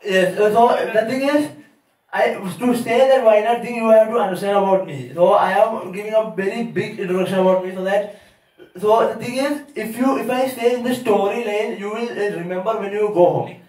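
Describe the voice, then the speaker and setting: Nervous high-voiced Malayali man on stage. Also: brisk, a little mellow. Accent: Malayali (Kerala) Indian English. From Kerala, India. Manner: nervous, rambling, repeats words and phrases. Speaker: amateur stand-up comedian. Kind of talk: halting open-mic stand-up storytelling. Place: live open-mic venue, small audience. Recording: echoey room, far from mic.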